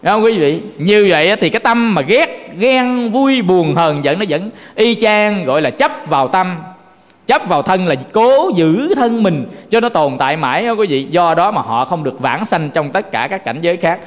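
High-voiced monk preaching in a hall. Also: male voice, expressive, moderate pace. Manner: conversational, keeps addressing listeners directly. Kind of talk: folksy sermon. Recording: long hall reverb.

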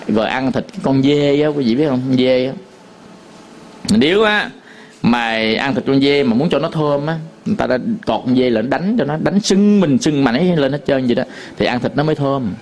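A man's voice: mid-range voice, vocal fry, darkish tone, slight background noise. A man with a Southern Vietnamese accent, a Buddhist monk giving a dharma talk to an audience, telling stories with many fillers and repetitions.

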